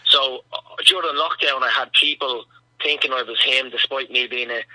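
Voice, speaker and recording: A man on a radio interview spins long comic anecdotes, chuckling through the punchlines. His voice is very bright and sharp, and the sound is completely dry with no room around it. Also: mid-range voice, steady tone, normal speed, dry recording, rough recording. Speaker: comedian guest. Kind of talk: casual radio interview storytelling.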